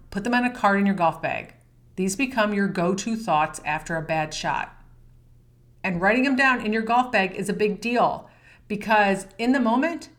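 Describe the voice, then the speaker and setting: Calm woman coaching golf mindset. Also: mid-range voice. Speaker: golf mental-game coach. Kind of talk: course lesson.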